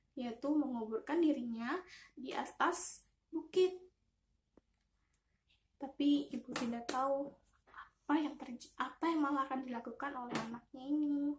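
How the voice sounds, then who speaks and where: A young woman in her twenties telling a story to children, slowly and warmly, like a big sister. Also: sits high. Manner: warm, slow, addresses children as their big sister.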